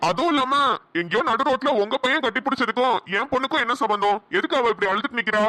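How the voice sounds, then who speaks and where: Actor voicing worried cartoon father, fast and bright. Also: mid-range voice, close to an everyday voice. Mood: bewildered. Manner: fast, urgent. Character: worried father, bewildered and pleading. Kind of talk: cartoon voice acting.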